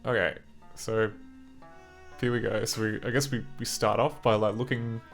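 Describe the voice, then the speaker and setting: A man's voice: lowish voice, level tone, normal speed, faint music behind. A man chatting casually and with amusement as he streams an old computer game. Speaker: streamer playing a retro game. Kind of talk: casual live-stream commentary.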